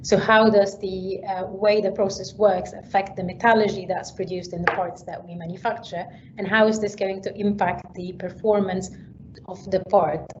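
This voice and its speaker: A woman's voice: medium pitch, moderate pace. Woman, 30s, from Egypt, guest lecturer on a webinar, easygoing delivery, muffled call audio. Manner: relaxed, with frequent fillers. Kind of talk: online academic seminar. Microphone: video call. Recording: slightly dull online call audio with faint noise.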